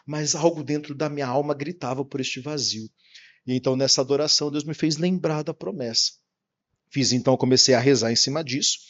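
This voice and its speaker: Fast-talking Brazilian man telling his story. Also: medium pitch, dull audio. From Paraná, Brazil. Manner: lively, acts out dialogue with quoted voices, laughs often. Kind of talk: animated storytelling interview.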